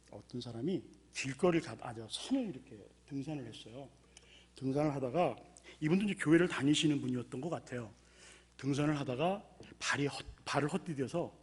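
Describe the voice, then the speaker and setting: Husky-voiced Korean pastor preaching. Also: male voice, mid-range voice. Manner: acts out characters' cries in a raised voice. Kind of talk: sermon with illustrative stories. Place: church sanctuary.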